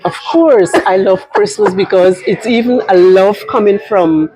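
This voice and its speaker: A woman in her fifties from Guyana with a Guyanese accent, chatting as a guest in a casual interview, lively and playful. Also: mid-range voice, unhurried, slightly rough, dry recording, soft background music, poor audio. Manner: lively, playful, laughs often. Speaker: guest, executive assistant and Christmas stylist.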